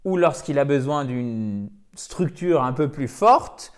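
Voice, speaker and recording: A man who teaches English pronunciation and repeats each word slowly and carefully. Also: medium pitch, animated. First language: French. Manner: explains step by step, repeats English words slowly. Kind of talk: phonetics lesson.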